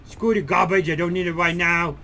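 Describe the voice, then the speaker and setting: A man's voice: steady tone, brisk, bright, forceful tone, a little hiss or hum. A man voicing Steve, a dim, hot-headed character who talks about himself in the third person and curses while playing a game. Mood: excited. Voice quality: high creaky voice, cursing, third-person talk. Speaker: gameplay commentator. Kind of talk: let's play commentary.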